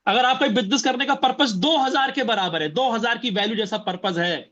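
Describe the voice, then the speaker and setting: A man's voice: extremely high pitch, brisk, a bit bright. A man from India giving a motivational seminar talk as a business trainer, repeating phrases and firing rhetorical questions at his audience. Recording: dull lo-fi recording.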